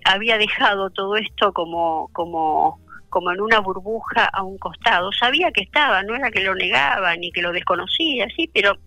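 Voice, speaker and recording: A woman's voice: mid-range voice, bright, forceful tone, no room sound, poor audio. An older woman with an Argentine accent, speaking in a radio interview, reflective and hesitant with many fillers. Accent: Argentine (Rioplatense). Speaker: interview guest, author. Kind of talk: personal testimony in a radio interview.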